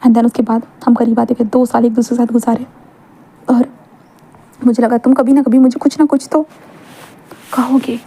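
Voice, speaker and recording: Woman voicing a reserved young male bodyguard, steady and earnest, husky high tone. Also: moderate pace, long pauses. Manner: steady, earnest, plain delivery.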